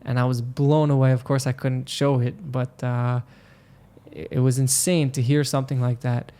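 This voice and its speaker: A man's voice: mid-range voice, little pitch movement, normal speed, mellow, clear, resonant tone. A man from Israel, a podcast guest, telling stories in a casual and hesitant way, with many fillers. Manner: hesitant, full of "um" and "you know" fillers.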